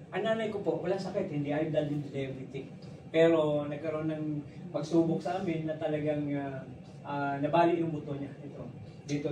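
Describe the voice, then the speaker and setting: Filipino guy, high voice, chatty business pitch, echoey room w noise in the back. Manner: chatty storytelling, jokes and laughs often. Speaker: network marketing presenter. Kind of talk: business opportunity presentation. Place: presentation room. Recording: echoey room, distant mic, background noise.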